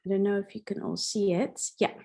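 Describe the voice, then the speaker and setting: A woman's voice: medium pitch, flat delivery, brisk, dark tone. Hesitant woman speaking on a video call. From Somali diaspora, born in Egypt, raised in the Netherlands. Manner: hesitant, many fillers. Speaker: researcher and workshop speaker. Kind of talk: online talk, partly read from notes.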